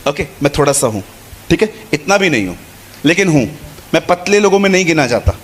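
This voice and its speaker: A man with a slightly high voice and big pitch swings preaches at a moderate pace to a congregation. His Hindi sermon is conversational, full of repeated phrases and little acted-out dialogues.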